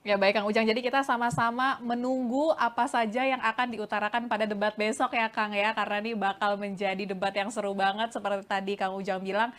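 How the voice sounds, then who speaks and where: A woman's voice: mid-range voice, fairly even intonation, quick pace, hardly any pauses, fairly bright tone. A woman hosting a news interview, asking questions in a chatty, friendly way. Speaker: host.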